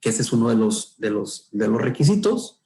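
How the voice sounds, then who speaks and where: A man's voice: medium pitch, big pitch swings, moderate pace, dark tone, roomy sound, slight background noise, low-quality recording. A man, a trade consultant explaining rules in podcast talk, thinking aloud with many filler sounds and tag questions. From Mexico.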